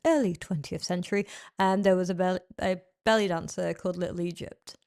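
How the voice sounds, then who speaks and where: A woman's voice: on the low side, steady tone, brisk, a little mellow. A woman guest on a podcast, chatting casually about burlesque history, laughing often. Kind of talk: casual chat.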